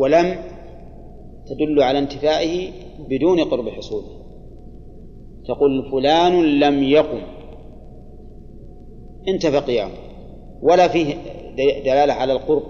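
A man teaching a grammar lesson to a class, reciting examples slowly and quizzing his students. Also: medium pitch, dark tone, slight background noise. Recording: dull lo-fi recording in a long-reverb hall.

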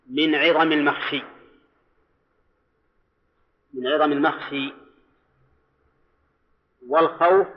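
A man teaching Quran commentary in a classroom lecture, speaking deliberately, repeating key phrases and quizzing his students. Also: fairly high pitch. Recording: dull lo-fi lecture recording.

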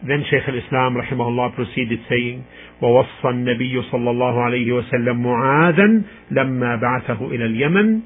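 A man's voice: mid-range voice, fairly even intonation, slightly rough, faint music behind. Muffled man giving a religious lecture. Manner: measured, deliberate phrasing with pauses. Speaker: Islamic lecturer. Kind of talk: religious lecture, reciting Arabic and translating phrase by phrase. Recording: muffled, tinny radio-like sound.

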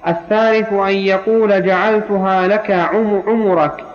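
A man reading a classical text aloud in a study circle, at a measured pace, going back over lines when corrected. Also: high voice, fairly even intonation. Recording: dull lo-fi recording with long reverb.

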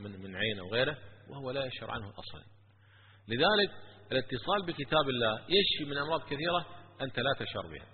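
A man preaching and telling stories in an animated religious lecture. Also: mid-range voice, slightly rough. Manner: animated, with stories and rising emphasis. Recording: tinny lo-fi with long hall echo.

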